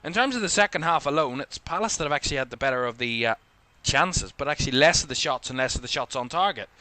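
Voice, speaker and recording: A young man with a Northern Irish accent giving live play-by-play commentary on a football match, calling the action quickly and lifting his voice at attacking moments. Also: medium pitch, expressive, sharp tone, dry recording.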